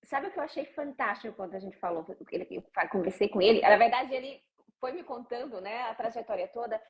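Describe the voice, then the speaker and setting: A woman's voice: fairly high pitch, quick pace, lo-fi sound. A woman from Brazil hosting a casual live interview, enthusiastic and chatty. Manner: enthusiastic, casual, leans on "tipo". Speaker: host, teacher.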